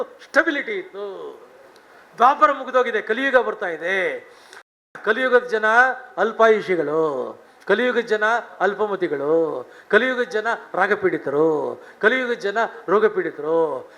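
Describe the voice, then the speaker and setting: A man giving a spiritual discourse, emphatic and repetitive, building lists of phrases and stretching English phrases out slowly. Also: high voice, pushed and bright, poor audio. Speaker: religious scholar giving a discourse.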